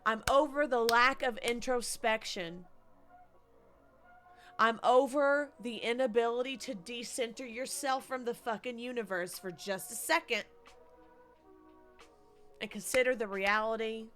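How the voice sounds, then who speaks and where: A woman's voice: a little high, expressive, a little slow, pauses often, fairly bright tone, faint music behind. A woman live-streaming from her living room, ranting in an exasperated way and swearing often. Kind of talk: casual live-stream commentary.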